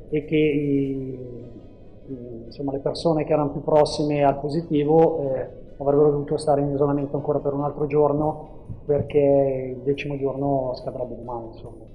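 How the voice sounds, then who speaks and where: Man, assistant coach, hesitant, lots of fillers, low-quality phone stream, tinny sound, faint music behind. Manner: hesitant, many fillers and restarts. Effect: low-quality stream recorded on a mobile phone. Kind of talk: post-match interview answer.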